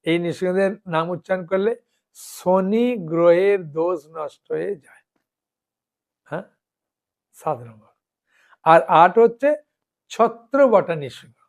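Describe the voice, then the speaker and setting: A monk preacher with a high-sitting voice delivers a devotional sermon. He keeps asking his listeners "understood?" to check they follow, and recites names slowly, one by one.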